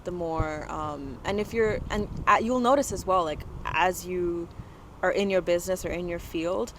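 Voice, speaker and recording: A woman's voice: lowish voice, normal speed, a bit bright, slight background noise, low-quality recording. A woman in her twenties from Dubai, a guest entrepreneur talking casually in an interview, full of "you know" and "like" fillers. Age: 20s.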